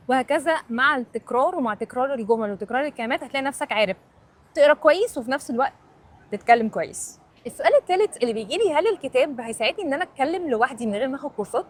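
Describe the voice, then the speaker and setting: A woman's voice: high voice, fairly bright tone. A woman English teacher with an Egyptian Arabic accent, answering viewers' questions in a casual explainer video and counting items off aloud.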